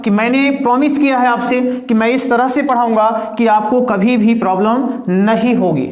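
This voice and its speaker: A male English teacher giving an online grammar lesson. He poses questions to his students and answers them himself, slows down to dictate example sentences, and calls his listeners dear and brother. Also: very high voice, steady tone. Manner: slow and deliberate when dictating example sentences. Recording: echoey room.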